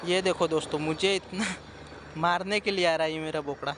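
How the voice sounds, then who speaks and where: A man, talking loud and excitably to viewers as a village comedy vlogger on a farm field. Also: on the high side, brisk, slight background noise. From Dungarpur, Rajasthan. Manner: loud and excitable, shouting at the goats. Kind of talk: casual vlog talk to viewers. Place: outdoors on a farm field with goats.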